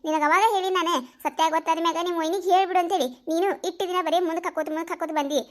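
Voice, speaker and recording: A woman's voice: very high-pitched, steady tone, very fast. A woman with a North Karnataka Kannada accent voicing village women in a cartoon comedy, scolding and wailing. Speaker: voice artist for village cartoon characters.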